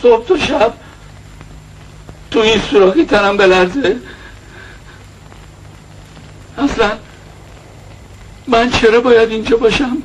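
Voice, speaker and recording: An actor playing a frantic middle-aged man near breakdown, ranting bitterly and shouting in an Iranian film drama. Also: extremely high pitch, long pauses, low-quality recording. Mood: despairing. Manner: shouting, bitter, agitated rants.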